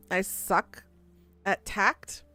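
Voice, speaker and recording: A woman's voice: mid-range voice, lively intonation, extremely slow, a bit bright, no echo. A woman streaming a game, chatting casually and self-deprecatingly with her viewers. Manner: laid-back, self-deprecating, talking with chat. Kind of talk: casual gameplay chat.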